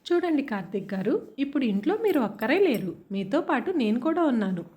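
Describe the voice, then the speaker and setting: A woman's voice: sits high, big pitch swings, a little fast, darkish tone. A woman voicing a flustered shy young bride. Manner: flustered, mock-angry. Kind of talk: storybook character voice.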